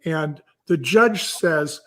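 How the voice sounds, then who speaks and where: A man with a fairly high, pushed, bright voice draws out his words as an interview guest who produces audiobooks. He talks conversationally yet emphatically, like a storyteller, repeating key phrases.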